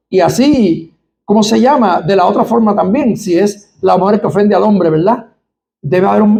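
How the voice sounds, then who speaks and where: A man with a high-pitched voice and a Puerto Rican Spanish accent delivers a fervent sermon. He speaks straight to his congregation with rhetorical questions and swells toward near-shouting at the peaks. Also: creaky. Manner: fervent preaching, rises to near-shouting at climaxes. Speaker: pastor.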